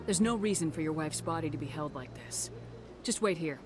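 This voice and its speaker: A woman's voice: low voice, over music, lightly acted. A woman playing a firm, direct military commander in a video game, with an assertive manner. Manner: brisk, assertive.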